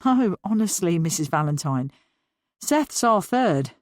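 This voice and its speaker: A woman reading the part of a polite middle-aged father who speaks slowly and calmly, hesitating with ums. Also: lowish voice, no echo, clean studio sound. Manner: slow, calm, hesitant with ums.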